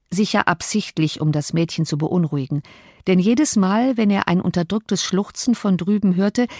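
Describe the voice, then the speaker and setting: A woman reading a classic novel aloud as an audiobook, in a calm, lowered narrating voice. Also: no echo. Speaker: audiobook reader. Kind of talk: scripted literary narration. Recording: dry close audiobook recording.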